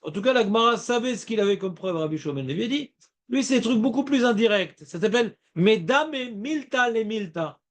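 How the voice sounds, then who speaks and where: High-voiced man teaching a Talmud class. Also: a little fast. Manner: lively, asks students questions, playful rhymes.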